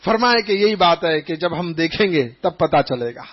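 A man with a notably high voice delivers an Islamic sermon, spinning lively anecdotes and slipping into the voices of the people in his stories. The recording is dull and lo-fi. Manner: animated storytelling, acting out quoted voices. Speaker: preacher.

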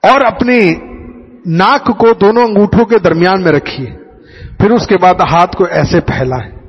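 A man's voice: sits high, husky. A man, a religious teacher, who shows students how to pray, addresses them directly and drills the key points over and over. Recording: dull lo-fi sound with long hall reverb.

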